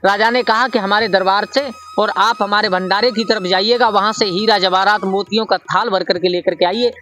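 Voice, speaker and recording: High-voiced man telling a folk tale. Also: a bit bright. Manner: folksy, addresses listeners as brother. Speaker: storyteller. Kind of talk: folk storytelling.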